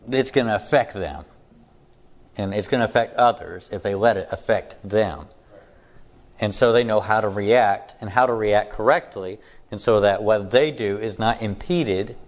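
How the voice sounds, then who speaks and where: A man giving a casual Bible lesson, his voice slightly hoarse and still recovering, keeping a deliberately level, near-monotone delivery. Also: on the low side. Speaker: Bible teacher.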